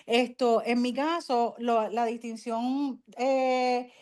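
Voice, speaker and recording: Woman, Puerto Rican accent, somewhat high voice, measured, explanatory, video call. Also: fairly even intonation, a little mellow. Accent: Puerto Rican Spanish. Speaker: study group participant.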